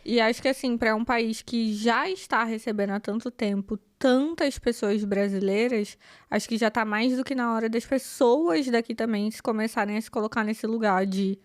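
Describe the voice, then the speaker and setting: A woman's voice: fairly high pitch, moderate pace, few pauses, no echo, clean studio sound. A woman, a communication specialist guest on a podcast, explaining her point in an earnest way. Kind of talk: conversational podcast chat.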